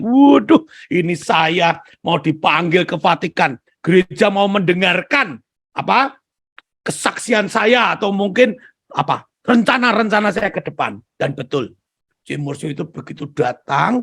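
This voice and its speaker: Male preacher, high voice, gravelly, husky, dramatic storytelling. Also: a bit bright. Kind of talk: storytelling sermon.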